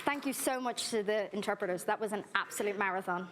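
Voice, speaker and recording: An Irish woman with a mid-range voice gives an earnest keynote in a conference hall and then takes audience questions on a handheld mic. She's warmly direct and brisk when running through lists, and the recording is very noisy.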